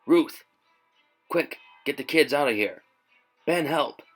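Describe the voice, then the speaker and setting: A man voicing a frightened male neighbor and father, talking anxiously and breaking into panicked shouts. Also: fairly low pitch, normal speed, gravelly, faint music behind, pitched above the performer's own voice.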